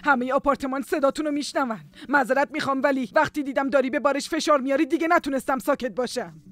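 A woman's voice: sits high, fairly bright tone, faint music behind. A wounded, proud mother. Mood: hurt. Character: older mother, hurt and proud. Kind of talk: Persian dubbing of a drama series.

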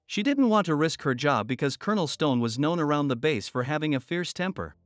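Man, scripted story narration, dry booth sound, slightly high pitch, faint music behind. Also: animated, a little fast, no echo.

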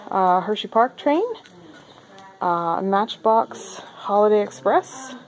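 A woman casually vlogs her way through an indoor craft bazaar hall, chatty and upbeat and full of fillers. Her mid-range voice has lively intonation and a slow pace, though the audio is poor.

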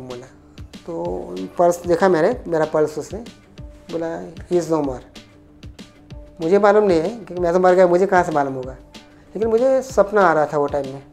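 Warm-voiced man telling his story. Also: high-pitched. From India, Ahmedabad. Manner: rambling, repetitive, frequent restarts. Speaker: interviewee, coin dealer. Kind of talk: casual life-story telling.

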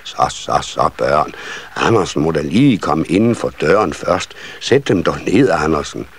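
A man reading a children's story and voicing a calm, motherly female elf who soothes and gently scolds. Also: sits low, slightly rough. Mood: soothing.

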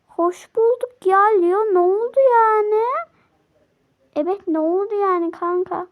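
A calm young female friend in a toy game role-play, trying to soothe a fight , as a woman voices her. Very high, gentle voice. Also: unhurried, phone-quality sound. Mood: soothing.

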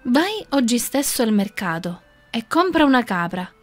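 Un anziano saggio, calmo e rassicurante, cui una narratrice presta la voce. Dà i suoi consigli con tono gentile e sicuro, sopra una musica tenue. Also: female voice, on the high side, moderate pace, soft background music. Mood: calm. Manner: calm, kindly, assured. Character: calm old male village sage.

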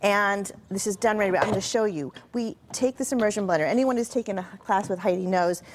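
On a TV studio kitchen set, a middle-aged woman cooking instructor walks through a recipe step by step in a friendly, explanatory way. She speaks fast at a medium pitch over a noisy background.

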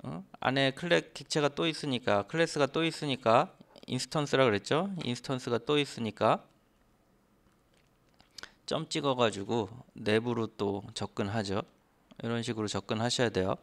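A man teaching programming in a screen-recorded lesson, speaking in a smooth, clear voice at a middle pitch. He explains one step at a time and checks in with rhetorical questions. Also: normal speed, fairly bright tone. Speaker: programming instructor. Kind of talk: screen-recorded coding lecture.

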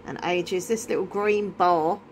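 Woman, Essex accent, slightly low voice, casual rambling vlog chat, recorded at home with noticeable background noise. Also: fairly even intonation, a little slow. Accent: Essex English. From Essex, England. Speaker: vlogger. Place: indoors at home, bedroom.

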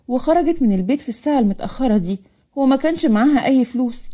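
Woman, Egyptian accent, storyteller, scripted narration, smooth steady reading, fast pace, mellow tone. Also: on the high side. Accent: Egyptian Arabic.

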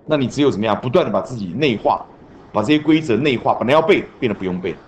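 A man's voice: medium pitch, fast talker, a little hiss or hum. Guy teacher in a classroom, really bouncy voice, chanting grammar rules at the kids. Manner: animated, drills rules with chanted mnemonics. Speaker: junior high English teacher. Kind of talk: classroom lecture.

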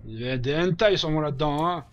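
A man hosting a let's play, giving casual gameplay commentary, reacting loudly, joking and swearing at the game. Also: on the high side, fast talker, lo-fi sound, faint music behind.

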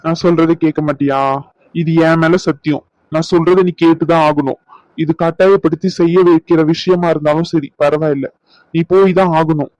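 A man's voice: a little high, steady tone, moderate pace, darkish tone, no echo, lightly acted, rough recording. A man voicing a young husband in a cartoon who insists firmly but coaxes affectionately. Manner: firm, coaxing, insistent.

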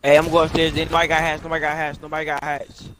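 A man's voice: a little high, completely flat delivery, very fast. Young man calling out over noisy game chat. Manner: goofy, repetitive callouts, loud teasing. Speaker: teammate. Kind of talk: casual gaming chat. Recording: voice chat with clear background noise.

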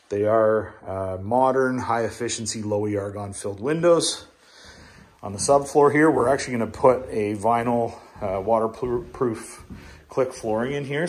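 Easygoing builder giving a tour. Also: male voice, mid-range voice, slightly rough. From Ontario, Canada. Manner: chatty, easygoing, with filler restarts. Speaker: builder and small business owner. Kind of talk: casual walking tour vlog. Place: workshop yard and small wooden building under construction.

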